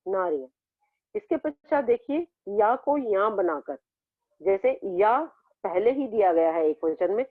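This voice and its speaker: A woman's voice: mid-range voice, dry recording. Patient woman teacher, tinny phone sound. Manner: patient, repeats word pairs slowly for pupils. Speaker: school teacher. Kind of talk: classroom grammar lesson.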